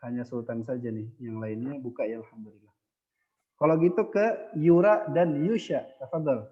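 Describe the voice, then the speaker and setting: A man's voice: mid-range voice, normal speed, dark tone. Man teaching over a dull echoing line. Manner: patient, adds "ya" after most phrases. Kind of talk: online Arabic lesson.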